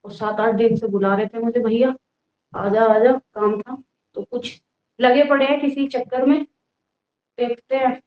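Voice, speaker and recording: A woman's voice: fairly high pitch, steady tone, unhurried, long pauses. A young woman teaching a casual live online class, chatty and teasing with her students, with a cold and a cough. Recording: roomy, dull lo-fi sound.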